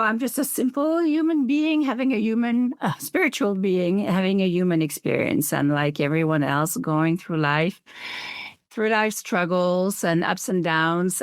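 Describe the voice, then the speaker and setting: A woman's voice: fairly low pitch, dry recording, clean studio sound. A woman speaks as a guest on a podcast interview, in an earnest way, often repeating words as she goes.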